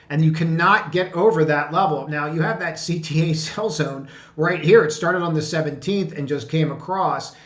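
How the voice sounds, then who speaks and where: A man talks through stock charts in a casual teaching tone. His voice sits a little high and he keeps throwing rhetorical questions at the listener, sometimes with a chuckle. The room around him sounds echoey. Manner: animated, rhetorical questions, laughs at points. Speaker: trading educator. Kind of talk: chart walkthrough commentary.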